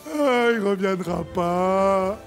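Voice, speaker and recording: A sobbing, distraught young son. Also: male voice, extremely high pitch, a little slow, gravelly, sharp tone, soft background music, full character voice. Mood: sobbing grief. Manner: sobbing, repeating himself in despair. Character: young man shattered by his friend's death. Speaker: grieving son. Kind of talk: dubbed TV drama acting.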